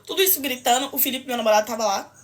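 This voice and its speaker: A woman's voice: on the high side, racing. A young Brazilian woman telling a story to the camera in an emphatic, indignant way, swearing to her viewers and addressing them directly. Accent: Brazilian Portuguese. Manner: emphatic, indignant retelling with oaths and asides to viewers. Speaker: storyteller in a clip. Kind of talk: emotional storytime vlog.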